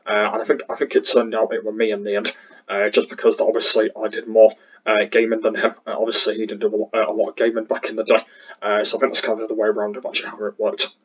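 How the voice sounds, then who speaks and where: A man hosts a casual video in a croaky, slightly low voice with little melody. He speaks hesitantly and repeats himself, and the recording is somewhat dull. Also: completely flat delivery, fast. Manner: hesitant, repetitive. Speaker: YouTuber host. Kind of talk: casual reaction commentary.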